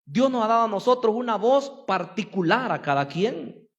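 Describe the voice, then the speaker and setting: High-voiced pastor preaching in a reverberant hall. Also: male voice, lively intonation, normal speed. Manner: earnest, asks the congregation rhetorical questions. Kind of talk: sermon.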